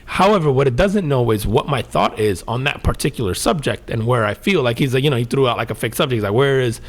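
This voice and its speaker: A man's voice: mid-range voice, lively intonation, quick pace. A man co-hosting a podcast in casual chat, telling stories in a laid-back, rambling way with lots of fillers and the odd swear word. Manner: swears and laughs easily. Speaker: podcast co-host.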